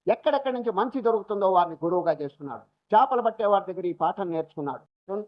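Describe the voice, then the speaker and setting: High-voiced man giving a spiritual discourse. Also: expressive, fast. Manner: storytelling, mixes English phrases into his talk. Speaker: swami giving a scripture lecture. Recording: dull lo-fi archival lecture recording.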